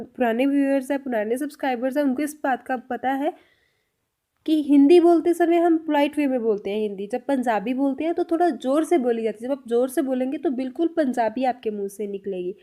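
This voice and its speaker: A woman teaching a spoken language lesson, saying each example sentence slowly and repeating it. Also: sits high, dark tone.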